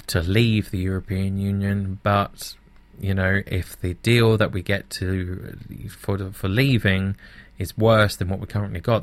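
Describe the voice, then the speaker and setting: A man's voice: lowish voice, no room sound. A young British man with blunt opinions, hosting casual news commentary with many restarts. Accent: British English.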